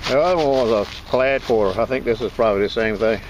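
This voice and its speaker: A man's voice: on the low side, fast, noisy background. A man wading in shallow water on a beach, chatting casually while he hunts with a metal detector, recorded on a body-worn camera. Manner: relaxed, chatty, laughs often.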